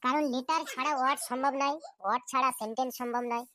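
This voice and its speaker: A woman voicing a high-voiced cartoon teacher. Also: fairly even intonation, rapid-fire, bright, forceful tone, no echo. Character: patient female English teacher, adult. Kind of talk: cartoon classroom lesson.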